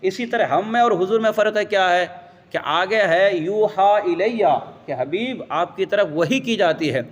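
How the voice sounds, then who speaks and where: A man with a fairly high voice teaches a religious lesson. He explains patiently, quotes Arabic verses and answers his own questions. His voice rings with the long reverb of a hall. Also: animated, muffled recording.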